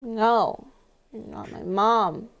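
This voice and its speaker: A woman's voice: a little high, extremely slow, creaky, muffled recording, exaggerated voice. A woman streamer voicing a tipsy, clingy young woman in a visual novel, with a slurred drunk drawl. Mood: drunk whiny. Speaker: game streamer. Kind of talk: reading a visual novel role aloud.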